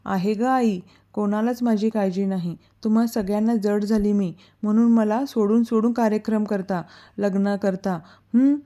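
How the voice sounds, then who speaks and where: A woman's voice: mid-range voice, steady tone, normal speed, warm tone, close to an everyday voice. A woman voicing a proud old grandmother who sulks and scolds, in a storybook reading. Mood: grumbling. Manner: sulky, scolding, takes offence.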